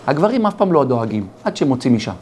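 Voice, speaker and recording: A man's voice: medium pitch, a little hiss or hum. A man, a rabbi with an Israeli accent, giving a sermon full of parables and acting out the dialogue in his stories. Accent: Israeli Hebrew. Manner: animated storyteller acting out dialogue.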